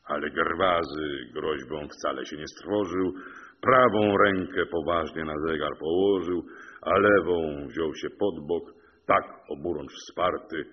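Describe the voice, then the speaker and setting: A man reciting epic verse in a measured, rhythmic narration. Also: extremely low pitch, breathy edge, dull audio.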